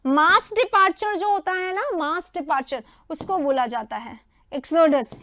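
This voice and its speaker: High-voiced woman teaching vocabulary. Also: a bit bright, dry recording. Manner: repeats Hindi word meanings in quick lists. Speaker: English teacher. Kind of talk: exam prep lesson.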